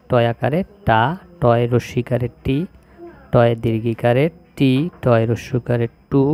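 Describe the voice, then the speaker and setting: Male teacher voice for a kids' spelling lesson, flat and steady delivery. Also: mid-range voice. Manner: slow, even, drilling recitation of syllables. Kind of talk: slow spelling lesson recitation.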